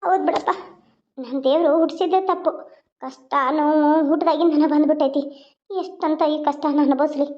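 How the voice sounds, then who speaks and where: A woman's voice: high-pitched, fairly even intonation, a little fast, warm tone. A woman, voicing cartoon family drama with emotional, wailing delivery. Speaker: channel host and voice actor. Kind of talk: dialect cartoon voice acting. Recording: muffled lo-fi recording.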